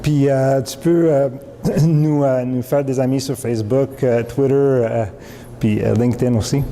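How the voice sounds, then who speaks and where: Casual Quebec French founder's pitch, loose and filler-heavy, warm mellow voice, echoey hall. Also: male voice, steady tone, unhurried, a little hiss or hum. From Montreal, Quebec. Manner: informal pitch with many fillers and restarts, mixing English terms. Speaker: company founder. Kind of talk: spoken product pitch. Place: event hall. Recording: echoey hall with faint ambience.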